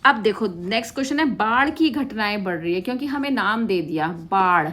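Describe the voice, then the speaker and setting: A woman's voice: mid-range voice, expressive, fairly quick, fairly bright tone. A woman teaching a grammar lesson, patiently asking questions and answering them herself, calling her students "beta" as she works through examples. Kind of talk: classroom-style grammar lesson.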